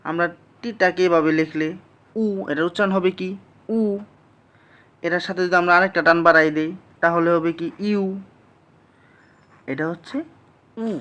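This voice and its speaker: A teacher giving a slow, patient language lesson, explaining each sound step by step and repeating it back to the class. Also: medium pitch, fairly even intonation, fairly bright tone, clear, resonant tone.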